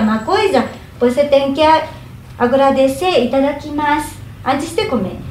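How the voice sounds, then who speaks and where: Woman teacher, high voice, slowly models greetings, roomy echo. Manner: slow careful demonstration of each phrase. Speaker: Japanese teacher. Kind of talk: language lesson. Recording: echoey room, faint hum.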